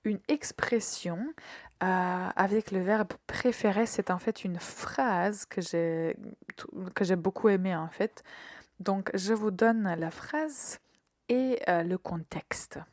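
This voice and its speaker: A woman teaching a short verb lesson, speaking patiently and carefully, repeating words slowly for learners to echo and pausing with soft fillers as she explains. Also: medium pitch, clean studio sound. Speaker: French teacher hosting a verb podcast. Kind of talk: scripted language lesson.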